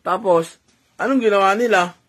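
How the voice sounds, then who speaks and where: Husky-voiced woman coaxing her pet. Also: medium pitch, normal speed. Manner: coaxing, teasing questions. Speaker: pet owner. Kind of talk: casual chat with a talking pet.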